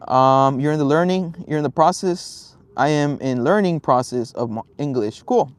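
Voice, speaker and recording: A young man from Southern California, on the higher side in pitch and speaking at a normal speed, casually chats on a lakeside fishing livestream outdoors. He rambles easily through viewer comments with lots of ums, and there's no room sound.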